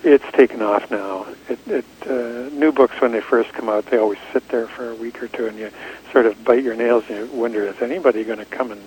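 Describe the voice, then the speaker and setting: A man, a publisher being interviewed, chatting in a relaxed way with repeated words. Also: mid-range voice, fairly quick, a little hiss or hum, low-quality recording. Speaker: book publisher and author, interview guest. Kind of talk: casual chat.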